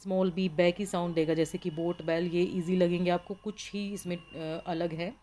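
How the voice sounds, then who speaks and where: Lower-pitched woman teaching phonetics slowly. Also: fairly even intonation, mellow. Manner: slow, deliberate listing of example words. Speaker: English teacher. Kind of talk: classroom lesson on phonetics.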